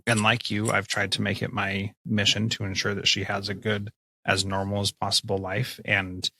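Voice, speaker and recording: A middle-aged man hosting a podcast interview, talking in an earnest, expressive way. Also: on the low side, moderate pace, vocal fry, dry recording, poor audio. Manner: earnest, expressive, animated when telling stories. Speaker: podcast host, school principal. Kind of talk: conversational interview.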